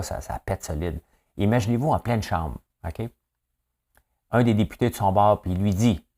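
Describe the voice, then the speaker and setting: Québécois guy riffing on the news, very low voice, blunt and jokey. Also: a little mellow. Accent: Québécois French. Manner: blunt, opinionated, joking rant. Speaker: host of a daily news chat. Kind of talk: casual news commentary.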